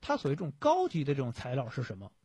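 Radio guy telling a story, husky, bit high, dry close studio sound. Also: racing, dry recording. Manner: lively retelling with many fillers. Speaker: radio host.

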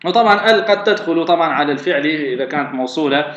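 A man's voice: a little high, expressive, very fast, a bit bright. A man teaching a grammar lesson, explaining step by step. He often poses a question and answers it himself, with many fillers and restarts. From Tunisia. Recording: echoey, dull lo-fi recording with faint noise.

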